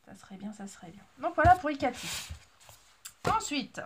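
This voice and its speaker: With a noisy background behind her, a knitting and sewing vlogger who is a mother talks to viewers at a moderate pace in a high, sing-song voice. It's a rambling, self-deprecating chat full of fillers.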